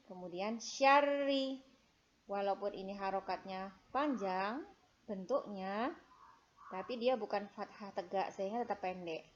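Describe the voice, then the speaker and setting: Slow, over-enunciating Indonesian woman teacher. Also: mid-range voice, a little mellow, lo-fi sound. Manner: over-enunciating, deliberately drawn-out syllables. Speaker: Quran reading teacher for children. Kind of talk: instructional lesson with slow melodic recitation.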